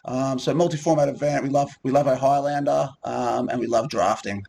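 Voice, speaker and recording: A man, co-hosting a relaxed, rambling chat about a gaming event. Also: mid-range voice, fairly quick, creaky. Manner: relaxed, rambling with many ums and restarts. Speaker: co-host of a gaming group video. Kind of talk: casual chat.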